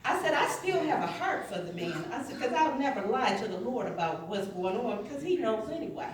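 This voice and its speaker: A middle-aged woman shares her personal testimony with a church, her fairly high voice sing-song and a little fast. She tells her story by acting out the dialogue and quoting others, while a crowd murmurs behind her. The sound comes from far off in an echoey church sanctuary.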